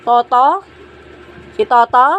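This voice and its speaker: A woman's voice: on the high side, completely flat delivery, takes it slowly, fairly bright tone, lo-fi sound, a little hiss or hum. A young woman in casual, playful chat, teasing and questioning a small child in a sing-song way. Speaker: vlogger talking with a toddler.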